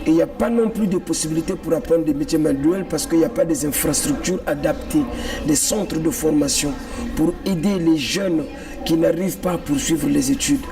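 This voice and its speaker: This man from the Republic of the Congo has a fairly high, dark-toned voice and speaks at a moderate pace. Appearing as an activist guest on a political TV interview, he talks earnestly and repeats points for emphasis. The distant mic picks up clear background music.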